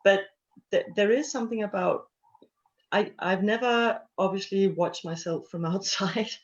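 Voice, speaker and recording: A woman's voice: mid-range voice, unhurried, muffled recording. A woman tour guide from Denmark chatting in a round-table discussion. She talks animatedly, laughs often and restarts her sentences. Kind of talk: casual round-table chat.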